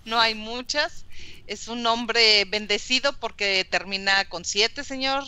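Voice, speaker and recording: A woman's voice: a little high, slow pace, sharp tone, smooth, no room sound. A woman co-hosting a radio show, speaking in a polite, formal way. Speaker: radio co-host. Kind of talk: radio segment sign-off and chat.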